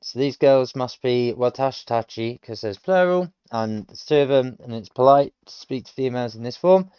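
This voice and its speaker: A British man in his late thirties, with a dark, smooth mid-range voice at normal speed, streams himself as a self-taught learner working through a language course. He thinks aloud, explaining each answer step by step with frequent hesitations, in lo-fi sound with no echo.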